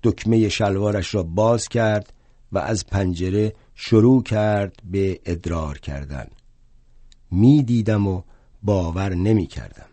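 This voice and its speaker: Here an older man, his voice on the low side and lightly acted, takes on the role of a proud, aging revolutionary thinker in a solo stage show. The dry recording captures his wry storytelling and sudden indignant outbursts.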